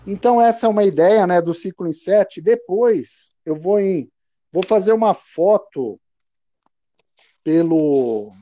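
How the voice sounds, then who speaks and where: A man's voice: high-pitched, expressive, measured pace, dark tone, no room sound. A man with a Brazilian Portuguese accent teaching percussion online, explaining patiently and chanting rhythm syllables aloud. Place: home room.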